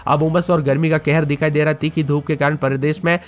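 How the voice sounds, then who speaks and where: A man presenting a rapid-fire weather news update, reeling off items in list-like runs and addressing listeners as friends. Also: a little high, little pitch movement. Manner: reels off long runs of items in a list-like, repetitive delivery.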